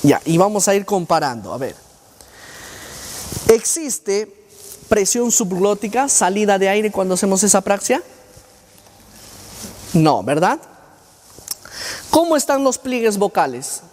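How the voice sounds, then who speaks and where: A man's voice: sits high, sing-song, unhurried, pauses often, a little mellow. A middle-aged man giving a university lecture, often firing rhetorical questions at his audience. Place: lecture hall. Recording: long hall reverb.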